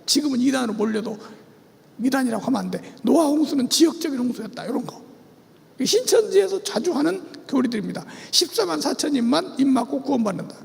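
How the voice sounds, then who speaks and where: A man's voice: very high-pitched, animated, fast talker, vocal fry, darkish tone. A pastor leading a church seminar, animatedly quizzing his congregation and having them repeat phrases back. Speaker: pastor teaching about cults. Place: church sanctuary. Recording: long church hall reverb.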